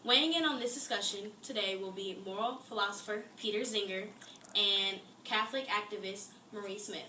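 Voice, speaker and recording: A woman's voice: medium pitch, normal speed, sharp tone, close to an everyday voice. A young woman playing an upbeat female moderator in a class-project mock debate, chatty and friendly. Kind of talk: amateur class-project role-play. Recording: echoey room, mic far off, faint noise.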